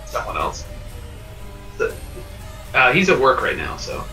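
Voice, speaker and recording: A man's voice: medium pitch, huge pitch swings, a little slow, creaky, sharp tone, soft background music. A man chatting casually as a player in an online tabletop game, easygoing and trailing off. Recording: echoey, distant mic over voice chat.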